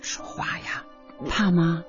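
Speaking slowly in a natural voice, a woman portrays a careworn middle-aged mother full of devotion for a radio drama. The delivery is earnest, plaintive, and homely, tender and grave in mood, with a dull recording and music underneath.

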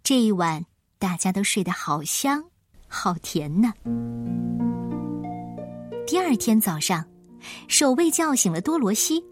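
A woman storyteller giving expressive scripted narration of a children's tale. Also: mid-range voice, slow, pauses often, faint music behind.

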